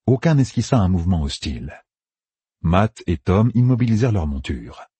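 A man narrating a fantasy audiobook with expressive storytelling. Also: low-pitched, normal speed, slightly rough, no room sound. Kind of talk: scripted narration.

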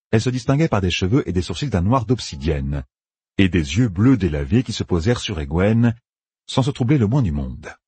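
A man reading a fantasy novel aloud as audiobook narrator, expressive and voicing each character. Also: low-pitched, husky, no echo.

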